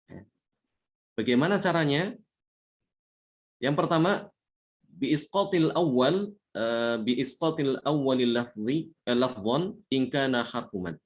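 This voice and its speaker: A male teacher leads a tajwid class, his voice sitting at an ordinary middle pitch. He explains each rule patiently, circling back with a steady "ya" to check understanding. Now and then he slows right down to chant an Arabic example. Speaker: Quran recitation teacher.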